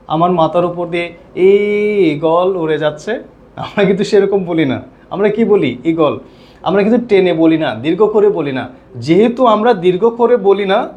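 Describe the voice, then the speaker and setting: A man's voice: sits high, darkish tone. A male teacher with a Bangladeshi Bengali accent, explaining step by step in an online class and often checking that students follow.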